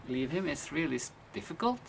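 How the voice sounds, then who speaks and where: Man, gravelly, halting casual talk, faint hiss behind. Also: fairly high pitch, very animated. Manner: halting, searches for words, breaks off mid-sentence. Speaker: podcast co-host. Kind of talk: casual chat.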